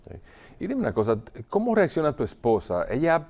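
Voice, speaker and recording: A man acting as a pastoral counselor, asking calm questions and giving short acknowledgements. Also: on the high side, fairly quick. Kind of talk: role-played counseling session.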